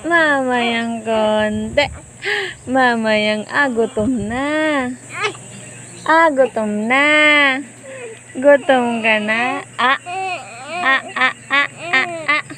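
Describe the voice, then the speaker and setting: A woman's voice: on the high side, drawn-out words, long pauses, crowd noise. A woman with a Filipino accent talking to a baby in playful, sing-song baby talk, repeating short questions and nonsense syllables. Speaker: parent or carer of a baby.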